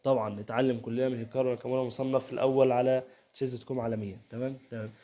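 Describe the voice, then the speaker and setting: A man's voice: medium pitch, level tone, dark tone. A young man with an Egyptian Arabic accent analyzing a chess game in a casual, chatty way, often checking in with the listener. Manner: rapid, chatty, keeps asking "تمام؟", voices players' banter. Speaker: chess youtuber. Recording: home setup, first video.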